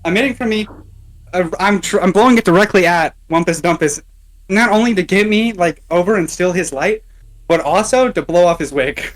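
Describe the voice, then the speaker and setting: High-voiced man thinking aloud at the table. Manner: thinks aloud, halting, laughs often. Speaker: player. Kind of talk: casual tabletop play.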